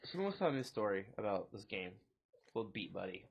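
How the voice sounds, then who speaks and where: A man's voice: lowish voice, very animated, fast, gravelly, slightly rough. A man co-hosting a podcast with casual, teasing banter. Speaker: podcast co-host. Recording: slightly dull, lo-fi sound.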